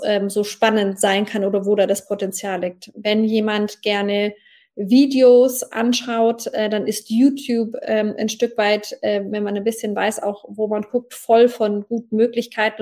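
Eine Frau mit deutschem Akzent, die als Expertin in einem Interview spontan und erklärend antwortet, mit vielen „ähm“. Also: female voice, mid-range voice, a little mellow. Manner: many fillers, explanatory and thoughtful. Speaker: blockchain expert guest.

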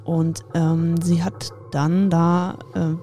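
A young woman casually telling a spooky personal story, lively and full of fillers and laughs. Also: lowish voice, drawn-out words, faint music behind.

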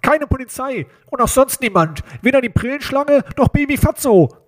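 A man's voice: very high voice, animated, normal speed, voice pushed up. Skinny: a man putting on a nasal, sneering bully voice. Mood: menacing. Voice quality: nasal, pinched-nose voice. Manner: threatening, mocking. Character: sneering teenage male bully disguising his voice. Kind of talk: audiobook reading.

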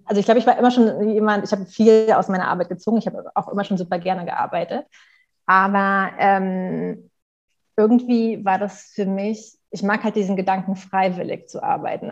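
With a creaky, slightly mellow mid-range voice and dull audio, a co-founder in her thirties chats candidly as an interview guest. She muses aloud in a reflective, conversational manner.

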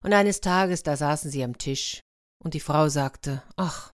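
A woman telling a fairy tale to children, lively, with chatty asides to her listeners. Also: low voice, unhurried, no room sound, studio quality. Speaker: children's storyteller. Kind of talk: storytelling for children.

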